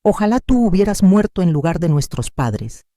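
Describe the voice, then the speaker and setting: A man's voice: sits high, sing-song, moderate pace, warm tone, no echo, studio quality, voice pushed up. A man reading the lines of an angry, bitter young pregnant woman in a dramatic story.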